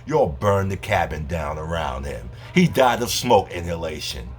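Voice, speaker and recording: A man's voice: sits low, expressive, moderate pace, slight background noise. A man delivering a heated, profane monologue to camera as a video host. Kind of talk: angry ranting monologue.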